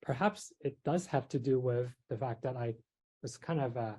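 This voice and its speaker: In a lecture hall, a middle-aged psychiatry professor from Hong Kong shares personal anecdotes in a chatty style, dotted with fillers and small self-deprecating laughs. His voice is medium in pitch and somewhat dark, and he speaks at a moderate pace.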